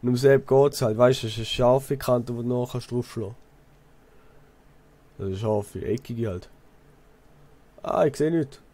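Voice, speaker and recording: A young man from Switzerland, who works as an apprentice builder and makes let's plays, talks casually while gaming in a Swiss German accent. His medium-pitched, dark voice is a little slow and pauses often as his stories wander and repeat.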